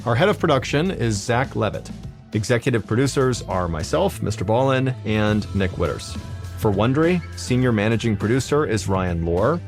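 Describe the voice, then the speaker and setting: An American podcast host in his thirties narrates a true story in a scripted, conversational first-person style, often linking sentences with "and so." His lowish voice is expressive at a normal speed, with soft music in the background.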